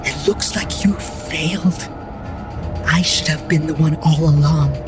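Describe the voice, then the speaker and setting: A man voicing an arrogant young woman who secretly wields magic, speaking in a smooth, condescending way over background music. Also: fairly high pitch, steady tone, a little slow, lightly acted. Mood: smug.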